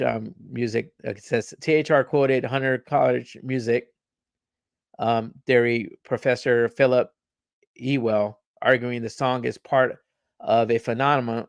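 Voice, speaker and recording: A man's voice: mid-range voice, gravelly, no echo. A young man hosting a podcast, reading news aloud and ranting about it, stumbling over words, repeating himself and swearing as he gets heated. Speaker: podcast host.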